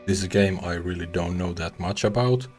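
Low-voiced Finnish gamer, chatty. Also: male voice, fairly quick, faint music behind. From Finland. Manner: relaxed, chatty, with small restarts. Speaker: gaming streamer. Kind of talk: casual let's-play commentary. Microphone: headset mic.

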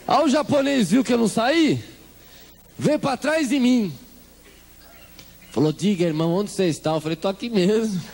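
A Brazilian man tells his church testimony with humor, his pitch swinging widely as he acts out each person in the story. His voice sits a bit high for a man. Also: normal speed, gravelly, pauses often, a little hiss or hum. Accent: Brazilian Portuguese. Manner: animated storyteller acting out quoted voices.

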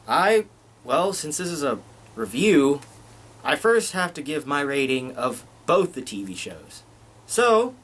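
A man's voice: on the high side, a bit bright. A young man in a small bedroom giving a casual TV review vlog to a webcam, with loose restarts. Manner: unhurried, loose delivery with restarts. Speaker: video reviewer.

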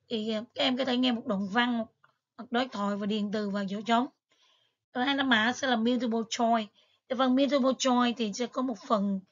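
A woman's voice: fairly high pitch, a bit bright, muffled recording. A woman teacher, patiently going over exam material step by step with frequent fillers. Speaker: English teacher. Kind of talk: exam review lesson.

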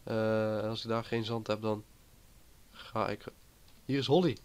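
A man's voice: lowish voice, steady tone, unhurried, smooth. Chatty man with a cold. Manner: rambling and chatty. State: has a cold. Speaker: gaming YouTuber. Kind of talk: casual gameplay commentary.

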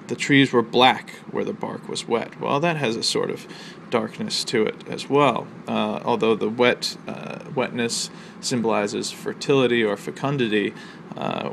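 A man teaching a college literature lesson, explaining a poem's rhythm and imagery in a measured way with fillers and pauses. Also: mid-range voice, gravelly, slight background noise. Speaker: college instructor. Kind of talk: recorded literature lecture. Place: outdoors near a library.

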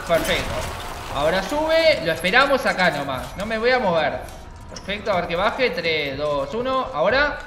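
Excitable high-voiced gamer guy. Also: roomy sound, noisy background. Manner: excitable, jokey, swears, talks to the monster. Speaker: gaming channel host. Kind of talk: let's play commentary.

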